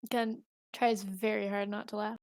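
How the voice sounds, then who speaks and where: A woman's voice: medium pitch, flat delivery, normal speed, a little mellow. A woman playing a tabletop role-playing game, chatting casually and describing what her character does. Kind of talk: casual chat and in-character play.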